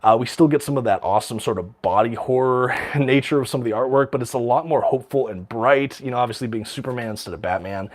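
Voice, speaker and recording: A man's voice: mid-range voice, fast talker, few pauses. Enthusiastic man chatting on a livestream. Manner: enthusiastic, many ums and uhs, reads out viewer questions. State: slightly out of breath with a cold. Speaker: livestream host showing his comic collection. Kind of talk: casual livestream chat.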